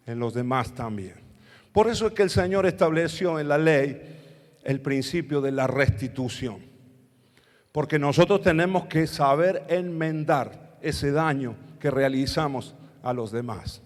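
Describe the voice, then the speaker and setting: A man's voice: fairly high pitch, long reverb tail. A man with an Argentine accent, preaching a sermon as pastor and asking the congregation to answer back. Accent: Argentine Spanish. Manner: preaching with call-and-response questions to the congregation. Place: church hall.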